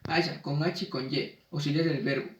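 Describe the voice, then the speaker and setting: A man's voice: fairly high pitch, steady tone, moderate pace, far from the mic, slight background noise. Man reading a spelling lesson, echoey. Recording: echoey room, voice off-mic.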